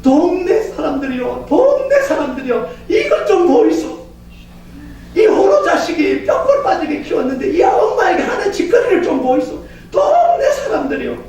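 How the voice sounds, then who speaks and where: A woman's voice: very animated, normal speed, darkish tone, raised voice, exaggerated voice. A man putting on a shrieking widowed village mother. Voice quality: shrill wailing cry. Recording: echoey church from far off.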